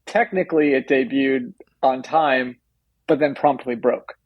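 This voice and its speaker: A man co-hosting a casual podcast, making dry, wry remarks in a gravelly, husky voice. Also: medium pitch, fairly even intonation, a little slow, no echo, lo-fi sound. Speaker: podcast co-host.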